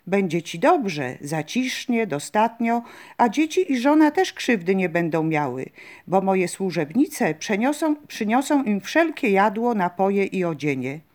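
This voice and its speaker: A woman voicing a young queen of river spirits, speaking softly with a sweet tone. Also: mid-range voice, very animated, unhurried. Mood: gentle, calm. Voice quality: soft, sweet-toned.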